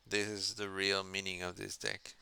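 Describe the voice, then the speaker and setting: Man streaming a card game, deep flat voice, gravelly, bright crisp tone, musing mock-philosophy. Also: normal speed. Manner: musing, mock-philosophical, asking himself questions. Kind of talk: casual live-stream commentary.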